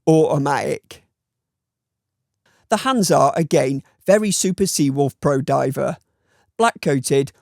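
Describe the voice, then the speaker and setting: Northern english guy reviewing a watch, gravelly voice, dry close sound, wry and opinionated. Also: on the high side, darkish tone, no room sound. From Northern England. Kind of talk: scripted review voice-over.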